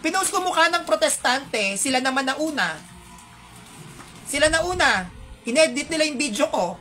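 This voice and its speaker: A woman's voice: high voice, lively intonation, moderate pace, sharp tone. A woman with a Filipino accent, delivering an indignant, heated monologue to her viewers with rhetorical asides.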